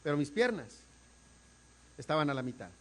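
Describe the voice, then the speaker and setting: A man preaches, his voice pitched notably high. He delivers a dramatic sermon, swinging from loud pleading to hushed, near-whispered lines. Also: sing-song, normal speed. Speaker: pastor. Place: church sanctuary.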